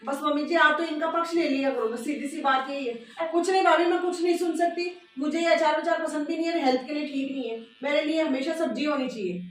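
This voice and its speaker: A woman's voice: sits high, steady tone, brisk, close to an everyday voice. A woman playing a proud, complaining younger daughter-in-law with a job in a home family skit. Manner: sharp, complaining. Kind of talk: amateur home drama acting. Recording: very echoey room, distant mic, faint music.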